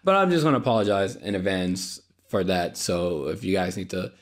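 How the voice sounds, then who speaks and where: A young man with a low voice hosts a solo podcast at a moderate pace, very animated in delivery yet tired and apologetic in manner. Speaking unscripted into a podcast mic, his voice a bit dry, he uses lots of fillers and restarts.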